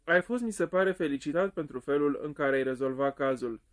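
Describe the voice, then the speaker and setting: A calm, deliberate old judge, as an audiobook reader puts him on, weighing each word slowly. The voice sits a little high for a man. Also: close to an everyday voice. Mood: measured. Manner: slow, stresses every word.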